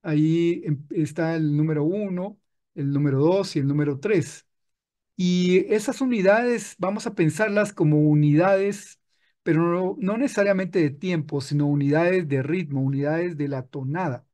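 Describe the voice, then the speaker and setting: Guy walking thru music software step by step, kinda high voice, soft mellow tone. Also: normal speed. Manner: patient, explains step by step with many restarts. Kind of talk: screen-recorded tutorial.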